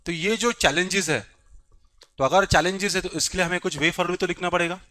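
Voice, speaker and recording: A man's voice: high voice, brisk, bright, forceful tone. A man giving a classroom lecture as a coaching teacher, mixing Hindi and English, quizzing the class and repeating key points. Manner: switches between Hindi and English mid-sentence.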